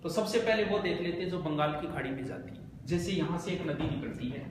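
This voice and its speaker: A man giving a brisk exam coaching lesson, explaining memory tricks and repeating the key points. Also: fairly high pitch. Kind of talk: quick spoken geography lesson with memory tricks. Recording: very echoey, noisy room.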